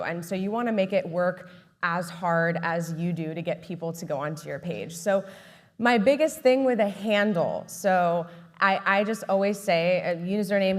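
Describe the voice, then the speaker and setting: Chatty woman presenting in a big hall. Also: lowish voice. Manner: chatty, upbeat, filler-heavy. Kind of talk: conference talk. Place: large expo hall. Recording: long hall reverb.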